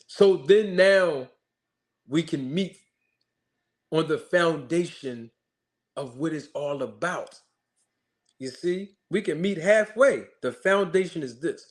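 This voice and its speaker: A male channel host launches into an emphatic commentary rant, mocking his critics with one rhetorical question after another. His voice is a little high.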